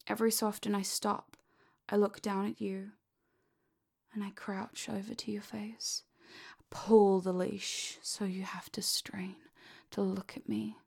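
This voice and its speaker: A woman talking in a soft, slow, commanding whisper as she guides a listener through a hypnosis roleplay. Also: medium pitch, little pitch movement, vocal fry, slightly rough. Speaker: hypnosis audio creator.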